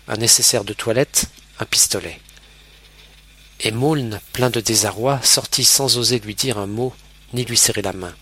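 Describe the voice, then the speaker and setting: A man narrating a classic novel as an audiobook in a measured, even reading. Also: lowish voice, husky.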